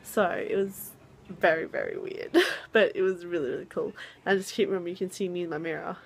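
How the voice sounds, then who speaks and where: A woman's voice: lowish voice, fairly quick, creaky, breathy edge. A young Australian woman talking casually to her viewers in a rambling vlog, with lots of fillers. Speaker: vlogger.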